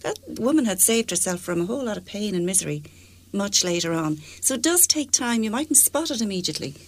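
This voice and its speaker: A woman's voice: mid-range voice, animated, a little fast. A woman discussing relationships on radio, earnest and telling anecdotes. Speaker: radio show co-presenter. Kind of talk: conversational discussion.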